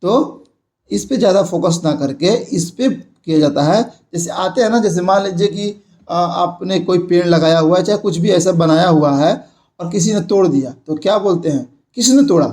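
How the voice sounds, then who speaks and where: Young man, grammar teacher, high mellow voice, repeats points. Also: moderate pace. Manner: repeats points, checks in with "ठीक है". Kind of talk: explaining a grammar lesson.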